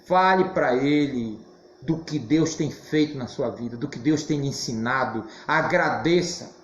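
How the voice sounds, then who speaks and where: A hoarse man teaching an adult Sunday school class, speaking emphatically and now and then shouting. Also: mid-range voice, measured pace. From Brazil. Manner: animated, emphatic, occasional shouting. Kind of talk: church Bible class teaching. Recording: roomy, dull, faint hiss.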